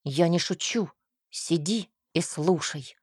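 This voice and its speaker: A woman's voice: low voice, unhurried, a little mellow, husky, no room sound, clean studio sound. A woman voicing a menacing, obsessive young man in an audiobook, speaking in a sugary, venomous, threatening tone. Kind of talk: audiobook character reading.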